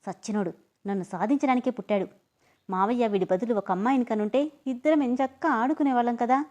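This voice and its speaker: A woman's voice: fairly high pitch, a little fast, a little mellow, dull audio, close to an everyday voice. A woman reading a story aloud, voicing a stubborn young woman who whines and protests shrilly. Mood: scolding.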